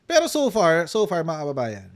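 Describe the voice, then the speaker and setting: A man with a Filipino accent doing casual live-stream commentary, animated and mocking, laughing often. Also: a little high, normal speed.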